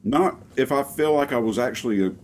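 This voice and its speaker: A man chatting casually on a podcast, getting animated as he makes his points. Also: mid-range voice, brisk, slight background noise. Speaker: guest.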